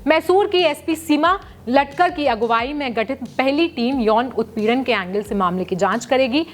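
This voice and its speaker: A woman with a high voice reads a news segment from a script. Her delivery is measured and formal, in the even manner of a news presenter.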